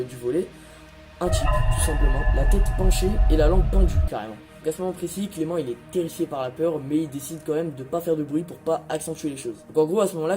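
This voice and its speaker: A man's voice: fairly high pitch, dark tone. A young man speaking through a face mask, telling horror stories casually in slangy, hesitant language. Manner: colloquial, slangy, hesitant delivery. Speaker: YouTuber host. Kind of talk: casual horror storytelling to camera. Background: music.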